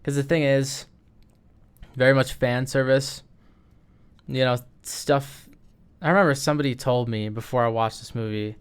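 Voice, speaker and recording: Casual rambling young man, smooth voice. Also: mid-range voice, steady tone, moderate pace, pauses often. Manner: rambling, self-interrupting, slangy. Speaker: video creator ranking movies. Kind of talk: casual tier-list commentary.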